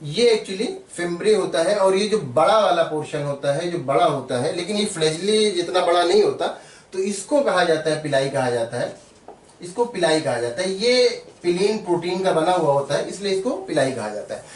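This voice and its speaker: High-voiced man teaching in an echoey room. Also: animated, normal speed, distant mic, slight background noise. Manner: patient, repeats terms and spells them out. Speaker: biology teacher. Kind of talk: step-by-step drawing tutorial.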